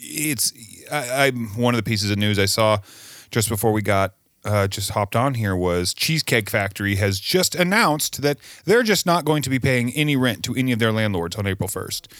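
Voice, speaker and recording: A man's voice: mid-range voice, lively intonation, moderate pace, a bit bright, no room sound, studio quality. Opinionated man on a podcast. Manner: opinionated, rambling with restarts. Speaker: podcast guest. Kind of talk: casual chat.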